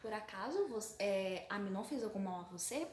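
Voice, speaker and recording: A woman with a Brazilian accent voicing an older brother prince who questions and quiets his sister. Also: mid-range voice, lively intonation, brisk, reverberant, a little hiss or hum, close to an everyday voice. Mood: concerned. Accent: Brazilian Portuguese.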